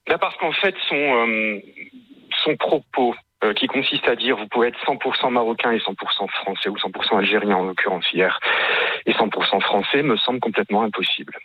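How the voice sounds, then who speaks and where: A man's voice: fairly low pitch, brisk, breathy edge, no room sound, dull audio. A man in his fifties from France calling in to a radio show, talking earnestly and hesitantly, with many fillers and restarts. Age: 50s. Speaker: caller. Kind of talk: radio call-in testimony.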